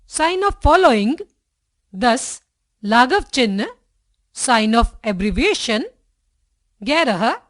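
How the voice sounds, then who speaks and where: Slow, lively-pitched woman reading a lesson. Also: no echo, studio quality. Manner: measured, pauses after each item of a list. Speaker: grammar textbook narrator. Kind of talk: slow, clear textbook reading.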